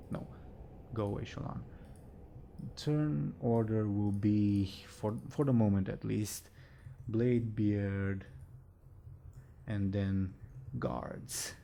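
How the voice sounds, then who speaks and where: A man narrating as game master of a tabletop game, in a relaxed, hesitant way with fillers. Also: lowish voice, creaky, slight background noise.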